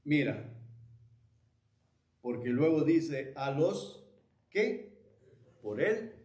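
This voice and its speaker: A man preaching as a pastor, slow and emphatic, repeating phrases for weight. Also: fairly high pitch, a little mellow, reverberant. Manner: preaching slowly with emphatic repetition. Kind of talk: sermon. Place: church.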